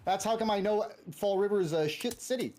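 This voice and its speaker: A man's voice: high voice, a little fast, mellow. A man in his thirties with a Boston accent, a streamer casually telling personal stories and often rephrasing himself. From Massachusetts, United States. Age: 30s. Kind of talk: casual chat, personal storytelling.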